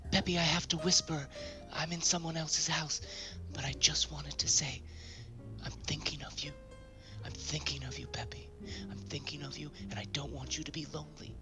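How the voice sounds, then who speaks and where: An actor playing a timid man who sneaks off to whisper to his pet parakeet, hushed and stammering, in an improv comedy scene. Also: a little high, level tone, normal speed, few pauses, over music, natural voice. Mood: sheepish whispering.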